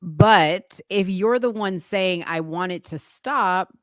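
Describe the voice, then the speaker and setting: A podcast host with a low-ish voice talks slowly in a direct conversation, frankly probing her guest and stretching words for emphasis. The studio-quality audio has no echo.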